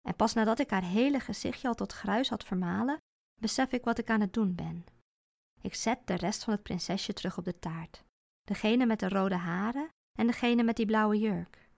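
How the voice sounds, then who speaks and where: A woman reading a first-person story aloud, expressive with a deadpan sense of humour. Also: mid-range voice, normal speed, gravelly.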